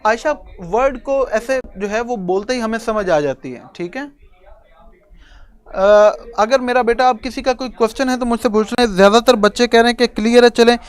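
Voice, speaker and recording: A man's voice: extremely high pitch, moderate pace, smooth. A man teaching an English grammar lesson to a class, explaining step by step and addressing his students fondly. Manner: chuckles now and then.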